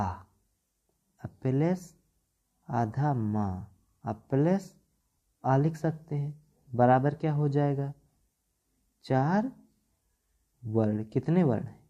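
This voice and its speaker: Slow, dark-voiced man teaching grammar. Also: mid-range voice. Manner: slow, repeats syllables and checks "ठीक" often. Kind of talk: Hindi grammar lesson at a board. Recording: dull lo-fi sound.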